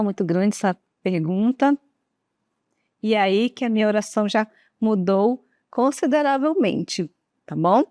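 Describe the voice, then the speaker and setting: Slow, patient woman teaching. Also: medium pitch, a little mellow, no echo. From Brazil. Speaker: English teacher. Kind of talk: classroom lesson.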